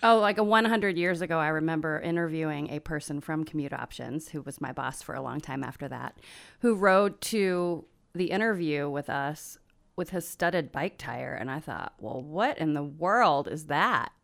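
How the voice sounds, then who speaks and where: An American woman from Central Oregon, a guest on a casual morning interview, chatty and upbeat and quick to laugh. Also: low-pitched, gravelly. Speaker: nonprofit representative, guest.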